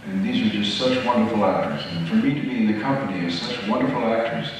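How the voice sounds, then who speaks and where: A man's voice: on the low side, quick pace, slight background noise. A man, an actor, speaking earnestly and gratefully after a screening. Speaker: film actor at a festival Q&A. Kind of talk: unscripted answer at a screening. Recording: echoey theater from a distance.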